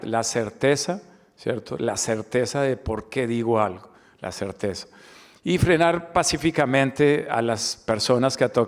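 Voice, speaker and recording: A man from the Dominican Republic giving a corporate training webinar, emphatic and fond of rhetorical questions and repeated key words. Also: medium pitch. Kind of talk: webinar lecture.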